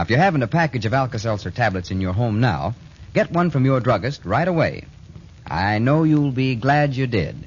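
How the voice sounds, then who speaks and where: The muffled recording, with a little hiss or hum, sounds like 1940s AM radio as a man reads a folksy sponsor announcement. His mid-range voice is persuasive and homespun.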